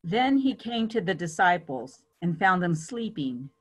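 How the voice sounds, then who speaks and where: A woman's voice: lowish voice, very animated, measured pace, breathy edge, poor audio. A woman giving a dramatic reading of scripture as a church reader.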